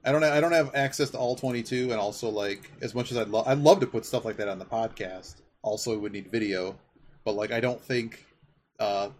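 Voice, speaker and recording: A podcast host chats casually and enthusiastically about sports, rambling from point to point. His voice is fairly low, darkish in tone, and fairly quick. Background noise is clearly audible.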